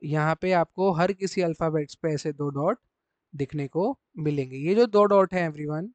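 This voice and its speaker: A man's voice: a little high, normal speed, no room sound. A man teaching a beginner language lesson, asking questions and repeating each answer. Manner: repeats each answer in call-and-response quizzing. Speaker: German teacher.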